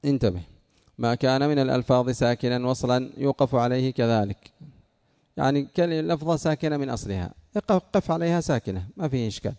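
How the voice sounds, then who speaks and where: A man's voice: medium pitch, quick pace, mellow, smooth. A man teaching a classroom lesson, explaining rules step by step and quizzing his students with questions. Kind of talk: classroom lesson on Arabic morphology.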